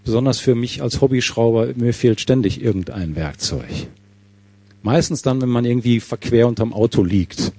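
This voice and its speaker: A preacher with a mellow, slightly husky voice, recorded close and dry. He works through a scripture passage verse by verse and keeps turning to the congregation with questions. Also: mid-range voice, normal speed, dry recording. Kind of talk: sermon.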